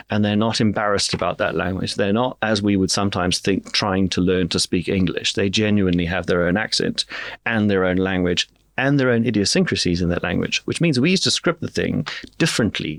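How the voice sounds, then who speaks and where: A man speaking as a guest in a podcast interview, explaining at length in a measured way with frequent pauses. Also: lowish voice, creaky, fairly bright tone, no room sound. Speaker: guest, media director.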